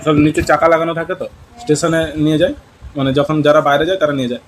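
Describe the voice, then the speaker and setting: A man's voice: fairly high pitch, fairly even intonation, racing, a little hiss or hum, rough recording. Male Bengali teacher explaining English words. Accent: West Bengal Bengali. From West Bengal, India. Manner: mixes English words into Bengali, asks students questions.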